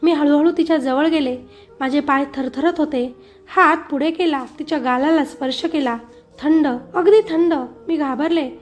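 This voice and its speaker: A woman's voice: high voice, moderate pace, soft background music. A woman narrating a first-person story in the voice of a grieving mother, with emotion.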